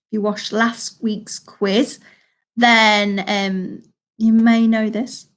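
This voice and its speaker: A woman hosting a live pub quiz from home, chatty, reading each question slowly and repeating it. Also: mid-range voice, little pitch movement. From Salford, England. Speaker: quiz host.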